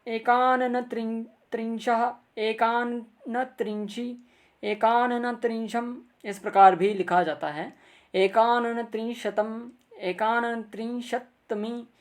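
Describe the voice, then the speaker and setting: A man's voice: high voice, gravelly. A man teaching grammar in a recorded video lesson, reciting word forms carefully and drawn out, and speaking patiently and directly to viewers.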